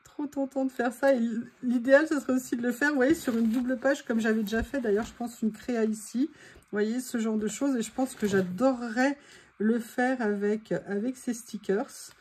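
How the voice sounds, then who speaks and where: A woman with a fairly high, mellow voice speaks at a moderate pace with mostly even intonation. She's hosting a craft video, chatting casually and thinking out loud, though her voice is starting to give out and she clears her throat. There's faint background noise.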